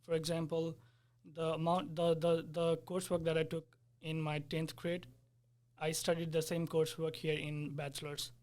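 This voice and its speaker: Speaking at a moderate pace with a fairly high pitch, this young man from Nepal comes across flat and earnest. The twenty-something developer, a native Nepali speaker, is being interviewed casually and works through his explanations, sometimes groping for the right word.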